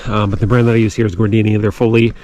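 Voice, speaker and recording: A man giving casual, halting trail narration as a hiking vlogger, outdoors on a snowy mountain. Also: lowish voice, level tone, a little mellow. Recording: clearly noisy outdoor recording with clicks.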